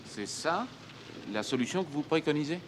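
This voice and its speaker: An actor playing a composed, resolute gentleman traveller in his thirties, polite and clipped, in a French film dub. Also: fairly high pitch, animated, normal speed, noisy background, lightly acted. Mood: firm. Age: 30s.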